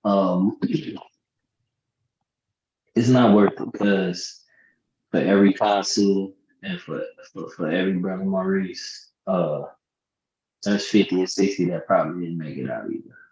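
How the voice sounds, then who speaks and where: A man's voice: deep voice, unhurried, pauses often, a little mellow. A man on a podcast giving earnest, direct advice in casual street slang. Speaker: guest. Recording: roomy, dull lo-fi sound.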